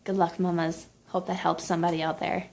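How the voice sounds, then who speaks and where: Chatty young mom with a gravelly fry. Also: female voice, lowish voice, level tone, a little fast, a little mellow. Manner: upbeat, chatty, instructive. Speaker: mom vlogger. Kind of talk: casual vlog chat and parenting tips.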